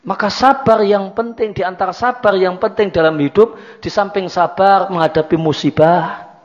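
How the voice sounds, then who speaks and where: With a steady tone at normal speed, a high-voiced man gives a religious study lecture as an Islamic teacher. He talks chattily and repetitively, throwing in some Javanese words. The recording is a dull, lo-fi lecture capture.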